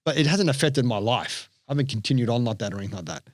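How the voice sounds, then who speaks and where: A podcast guest with an Australian accent tells stories in a rapid-fire, animated way, acting out the voices of people he quotes during the interview chat. His mid-range voice is recorded dry and close to the mic with no room sound.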